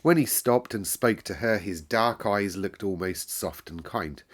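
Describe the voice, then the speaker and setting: A man reading a classic children's novel aloud in a calm, measured storyteller's way. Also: on the low side.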